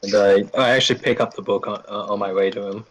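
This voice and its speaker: A man's voice: fairly low pitch, steady tone, fast talker, fairly bright tone, low-quality recording. A man playing a tabletop game, casual and full of fillers. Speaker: player.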